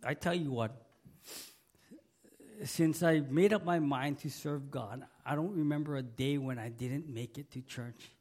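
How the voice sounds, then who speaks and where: An unhurried, slightly mellow mid-range voice belongs to a middle-aged pastor preaching in a church sanctuary. His cold is costing him his voice, yet he speaks emphatically, repeats key words, and asks for an amen from the congregation.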